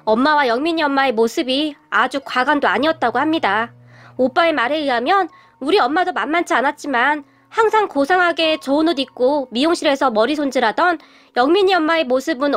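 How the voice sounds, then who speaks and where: Woman narrator, high voice, steady scripted storytelling over faint music.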